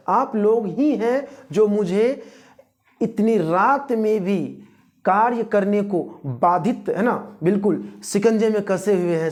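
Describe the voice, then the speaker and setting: An English teacher with an Indian accent walks students through exam grammar, stretching each example sentence out slowly before explaining it. He keeps quizzing the listener and giving them a moment to guess. His voice is mellow and dark, and he rarely hurries. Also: high voice. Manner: slow, drawn-out reading of example sentences, mixing English into instruction. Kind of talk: exam-prep grammar lesson.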